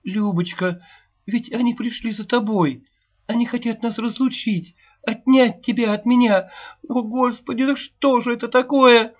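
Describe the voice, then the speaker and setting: A man voices a distraught peasant mother, sick and bitter, who pleads, wails, and sobs; he pitches the role above his own voice so it sounds like a woman's, lowish, animated, and slow. The recording is dull and lo-fi.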